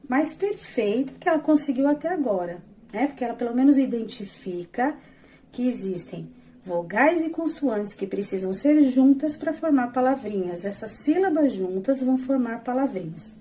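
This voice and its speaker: A woman's voice: on the high side, animated, moderate pace, mellow, a little hiss or hum. A woman teaching a lesson, patiently explaining examples step by step and talking directly to her viewers. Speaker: educational psychologist teaching. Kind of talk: explanatory lesson over slides.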